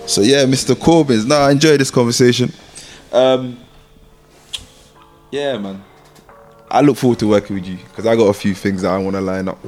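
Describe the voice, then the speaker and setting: A man's voice: mid-range voice, fairly even intonation, moderate pace, pauses often, darkish tone. A man with a London accent hosting a podcast, asking questions and encouraging his guest with lots of "you know" and "yeah". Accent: London English. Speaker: podcast host. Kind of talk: casual interview. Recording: music bed clearly behind. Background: background music.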